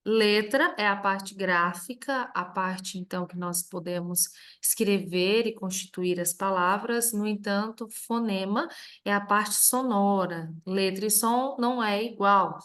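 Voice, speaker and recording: Brazilian lady teacher going over grammar, steady, punches each example word. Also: medium pitch, a little slow. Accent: Brazilian Portuguese. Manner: clear, step-by-step explanation with stressed example words. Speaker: Portuguese teacher. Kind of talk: reviewing a grammar lesson.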